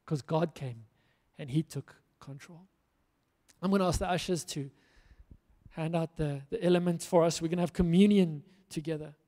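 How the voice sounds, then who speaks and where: A dark-toned, slightly high male voice at normal speed carries this sermon. The speaker, a middle-aged South African pastor, stands on a church stage in a large hall with a handheld mic, earnest and rousing, repeating points for emphasis amid long hall reverb.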